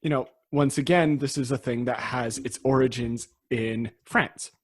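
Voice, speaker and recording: A man's voice: medium pitch, unhurried, husky. A Canadian man co-hosting a podcast in casual conversation, laughing often and restarting his sentences. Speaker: podcast co-host.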